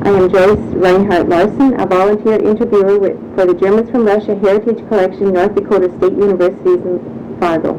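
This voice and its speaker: A woman volunteer interviewer asking gentle prompting questions with soft fillers. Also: mid-range voice, fairly even intonation, a little fast. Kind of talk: oral history interview. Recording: muffled lo-fi with hiss.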